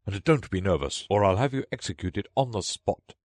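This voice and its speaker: A man's voice: lowish voice, animated, moderate pace, no room sound, clean studio sound. A man voicing a bossy, impatient king presiding as judge in a storybook, commanding and abrupt. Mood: threatening.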